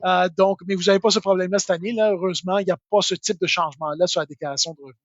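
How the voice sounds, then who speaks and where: A Québécois man explains tax rules in a live question session, chatty and full of fillers. His voice sits high. The sound is dry and a little dull. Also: steady tone, very fast, no echo. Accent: Québécois French. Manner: informal, full of filler words and tag "là". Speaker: tax software expert answering questions.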